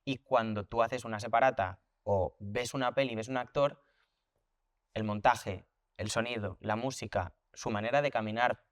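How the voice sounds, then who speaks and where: Actor and voice teacher, thoughtful. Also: male voice, mid-range voice, normal speed, no echo, clean studio sound. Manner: reflective, thinks aloud with restarts and repetitions; explains with hands-on examples and comparisons. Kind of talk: conversational interview.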